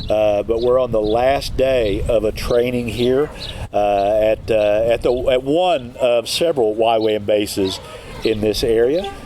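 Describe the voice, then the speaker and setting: A man hosts a casual podcast interview, pausing often with fillers and restarts. His voice sits at a middling pitch. He is recorded outdoors with clear wind noise behind him. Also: warm tone. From Kentucky. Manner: halting, many fillers and restarts. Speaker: podcast host.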